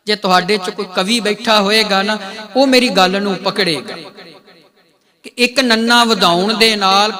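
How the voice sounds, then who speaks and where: A man with a Punjabi accent giving a Sikh religious discourse, drawing out phrases and half-singing scripture lines. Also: sits high. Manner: drawn-out chanted phrases with sung quotes. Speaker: kirtan preacher. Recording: live crowd behind.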